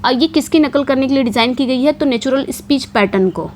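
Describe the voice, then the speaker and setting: A woman teaching English literature for an exam, posing questions and answering them herself. She repeats key points and reads the English quiz questions slowly. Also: high voice, a little mellow, a little hiss or hum. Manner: repeats key points with frequent check-ins. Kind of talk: exam-prep lecture.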